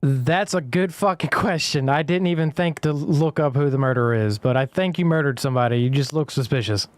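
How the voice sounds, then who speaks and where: A man streaming a game, talking casually and excitedly to his chat with plenty of swearing. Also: on the high side, fairly quick, dry recording. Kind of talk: casual gaming commentary.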